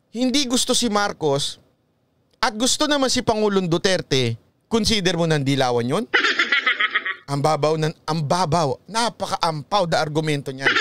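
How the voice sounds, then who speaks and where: A man's voice: sits high, fairly bright tone, dry recording. A man from the Philippines giving opinionated political commentary in a vlog, mocking and lecturing, chuckling often and switching into English. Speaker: political vlogger.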